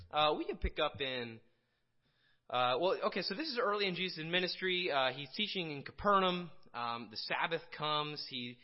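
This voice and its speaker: A man from Illinois preaching a casual sermon, conversational and halting, with frequent restarts and fillers. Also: mid-range voice, dull audio. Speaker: pastor.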